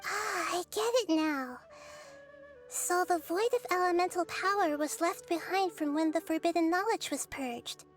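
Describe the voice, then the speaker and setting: A woman voicing a small, childlike girl deity in a video game, wise and kind, speaking in a thoughtful, gentle and measured way. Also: very high voice. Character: small girl deity, wise, kind and caring beyond her apparent years. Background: soft game music.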